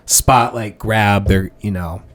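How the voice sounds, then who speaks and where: A man hosts a casual podcast interview in a somewhat low voice. He asks rambling, hesitant questions packed with fillers, then settles into longer points. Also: steady tone, slow, heavy background noise. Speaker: podcast host.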